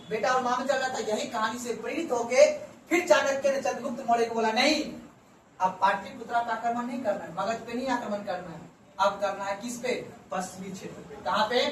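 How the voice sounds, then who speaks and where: A male history teacher giving a classroom lecture, who keeps asking the class questions, answers them himself and repeats key words for emphasis. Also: very high-pitched. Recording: echoey room from far off with faint background hum.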